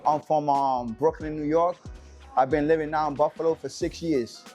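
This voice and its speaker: A man's voice: a little high, steady tone, normal speed, darkish tone, faint music behind. A middle-aged man from Puerto Rico, a former professional boxer, talking casually in an interview with many fillers and repeats. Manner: rambling, repeats himself, many fillers like "you know".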